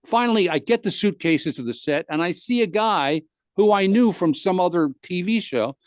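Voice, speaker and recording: Here a podcast host with a high, smooth voice tells a long funny story at normal speed, animatedly acting out the other characters. The podcast-studio recording has no echo.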